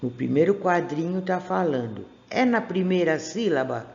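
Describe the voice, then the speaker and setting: With a camera pointed at a workbook, a Brazilian-accented woman teaches a recorded remote lesson to first graders, patient and drawing out her syllables while quizzing the class. Her lowish voice is expressive, gravelly and a little mellow, at a normal speed. The audio is roomy with the highs cut off.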